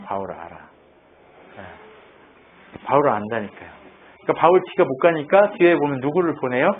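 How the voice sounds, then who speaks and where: A male pastor preaching a lively, conversational sermon and firing questions at his congregation. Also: medium pitch, a little fast. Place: church sanctuary. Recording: tinny phone-like church recording with faint noise.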